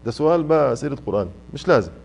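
In a mosque classroom, a Quran recitation teacher with an Egyptian Arabic accent gives a tajweed lesson, drawing out his examples and quizzing his students. His voice is mid-range and slightly dark, with a creaky, sing-song quality, and he talks very fast.

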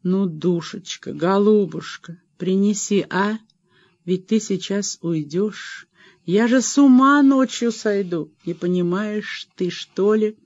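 A man's voice: sits high, animated, measured pace, darkish tone, no room sound, muffled recording, voice pushed up. A man reading an audiobook, voicing a desperate drunk woman who pleads in a wheedling, tearful way. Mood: pleading.

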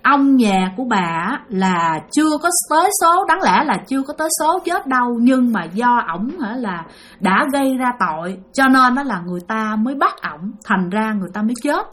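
A woman's voice: on the high side, animated, normal speed, fairly bright tone. A woman voicing a grave Buddhist monk who speaks a solemn warning.

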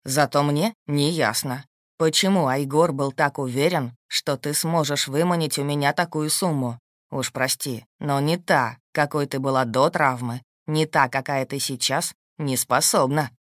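A woman reading an audiobook, voicing a calm, shrewd and protective husband in a steady, dry, matter-of-fact way. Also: sits low, a little slow, no room sound, pitched below the performer's own voice. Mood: calm, firm. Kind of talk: audiobook character voice.

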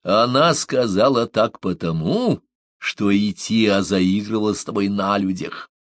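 A man voicing a huge, laughing Tahitian woman who teases and mocks in a booming voice. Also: measured pace, dry recording, clean studio sound, lightly acted. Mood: teasing. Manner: booming, mocking, laughing through words.

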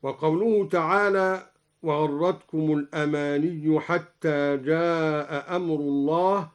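A man with a fairly high voice speaks very slowly as a recitation scholar, walking through each variant reading. He breaks into measured, melodic chanting whenever he quotes a verse. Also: steady tone.

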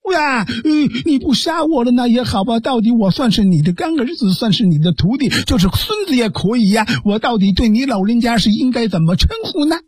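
Man putting on a high, husky, wheedling young swordsman, southern Chinese accent, dry close sound. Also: animated, a little fast, hardly any pauses, dry recording, heavily acted. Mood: pleading. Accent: southern Chinese (put on). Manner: wheedling, pleading, then defiant shouting. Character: fawning young male turncoat swordsman.

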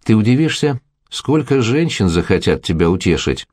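A man's voice: on the low side, sing-song, moderate pace, darkish tone, no echo, clean studio sound. A man voicing a teasing young woman.

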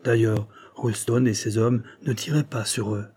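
A man reading a wounded, exhausted Englishman who speaks in short, halting phrases in an audiobook. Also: on the low side, fairly even intonation, mellow, husky. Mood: urgent. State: weak and exhausted.

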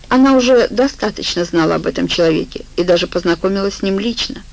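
Gravelly woman audiobook narrator. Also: medium pitch, darkish tone, low-quality recording.

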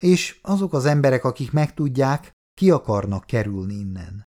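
A man reading a fragile, unstable woman in an audiobook, speaking in a hushed, low way. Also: big pitch swings, close to an everyday voice. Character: fragile, unstable woman confiding secrets to her husband.

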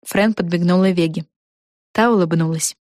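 A woman narrating a children's book in an even storytelling manner. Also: lowish voice, moderate pace, dry recording, clean studio sound. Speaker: audiobook narrator.

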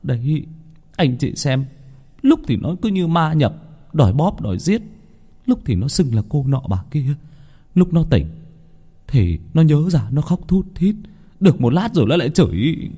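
A man's voice: medium pitch, big pitch swings, moderate pace, mellow, slightly rough, voice pushed up. A man voicing a frightened middle-aged husband who pleads anxiously and rambles on about his wife. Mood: frightened, pleading.

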